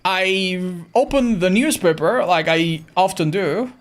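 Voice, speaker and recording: A man streaming a video game, chatting casually with his viewers in a slightly raspy, tired voice, animated and swearing freely. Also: high-pitched, takes it slowly. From Andorra. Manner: animated, swearing, answers chat while playing. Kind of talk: casual live-stream chat.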